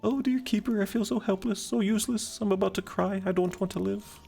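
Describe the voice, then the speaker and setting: A man voicing a melodramatic, self-pitying refugee woman who once ran a posh kitchen, in a gushing falsetto. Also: a little fast, vocal fry, a little mellow.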